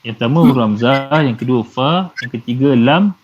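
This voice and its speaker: A man's voice: medium pitch, moderate pace. A man teaching Arabic grammar to a live class, patiently repeating and translating terms with many fillers. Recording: dull lo-fi with faint noise.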